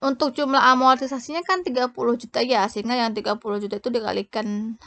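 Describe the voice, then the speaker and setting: This young accounting tutor explains her material haltingly, often stopping mid-thought to restart. She has a fairly high, sharp voice with fairly even intonation, and the recording has no room sound.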